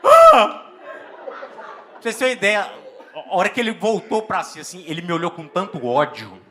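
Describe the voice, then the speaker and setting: Bright high-voiced Brazilian comedian on stage. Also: male voice, fast. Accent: Brazilian Portuguese. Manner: animated storytelling, exaggerated exclamations and acted-out scenes. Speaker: stand-up comedian. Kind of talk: stand-up comedy storytelling. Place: live comedy stage with an audience. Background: faint audience laughter.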